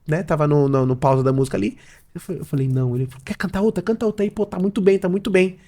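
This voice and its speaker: A Brazilian man with a somewhat high voice and a gravelly edge tells his own story. He plays out every exchange with casual slang and quoted back-and-forth. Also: very fast. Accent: Brazilian Portuguese. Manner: acts out both sides of conversations, lively slang. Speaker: podcast guest, pastor and businessman. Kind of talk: animated storytelling with quoted dialogue.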